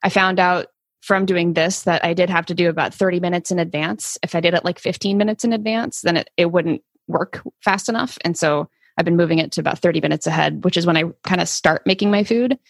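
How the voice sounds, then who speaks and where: A woman's voice: fairly low pitch, steady tone, fairly quick, vocal fry, no echo, studio quality. A woman hosting a podcast, presenting in a conversational way. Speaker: podcast host.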